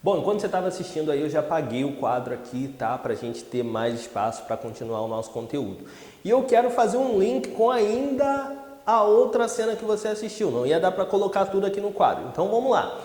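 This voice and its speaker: Lively chatty male English teacher. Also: high-pitched, brisk. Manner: lively, chatty, peppers speech with "tá?". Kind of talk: casual online English lesson. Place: classroom with whiteboard. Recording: echoey room with long reverb.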